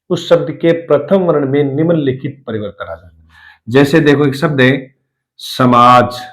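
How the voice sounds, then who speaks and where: A man's voice: on the high side, rough recording. A male lecturer explaining spelling rules in a classroom lesson, repeating each rule and asking rhetorical questions.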